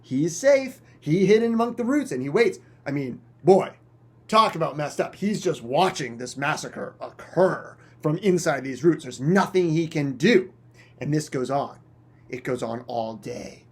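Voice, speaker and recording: A man's voice: fairly high pitch, animated, unhurried, breathy edge. A male teacher explaining a science concept through a dramatic, playful story full of sound effects. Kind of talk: animated storytelling lesson.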